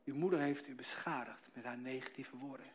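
A man voicing a gentle, patient male nurse in a care home, soft-spoken and hesitant. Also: mid-range voice, brisk, lightly acted.

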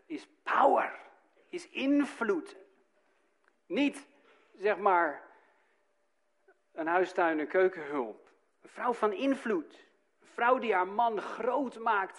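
A middle-aged man preaching a sermon, lively, with asides and rhetorical questions to his congregation. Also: on the high side. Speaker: pastor.

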